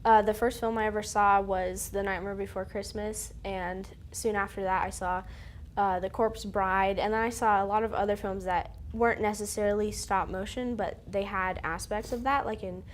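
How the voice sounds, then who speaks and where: A woman's voice: mid-range voice, fairly even intonation, moderate pace, slight background noise. A teenage girl, a student filmmaker, chatting in an interview with many fillers. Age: teens. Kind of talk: casual interview.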